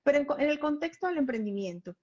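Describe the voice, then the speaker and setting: A woman's voice: sits high, animated, fast, a little mellow, highs cut off. A woman hosting a live interview, asking long, winding questions and repeating words as she searches for them. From Venezuela. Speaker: host.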